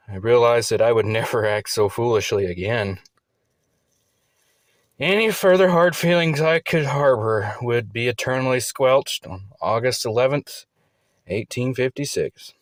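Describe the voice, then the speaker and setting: A man reading a first-person audio story in an earnest, reflective manner. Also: mid-range voice. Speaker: narrator. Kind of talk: scripted audiobook narration.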